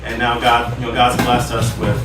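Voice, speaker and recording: A man leading a casual factory tour, talking in halting starts and repeating his words. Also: mid-range voice, monotone, over loud music. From United States. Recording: roomy, distant mic, loud background noise.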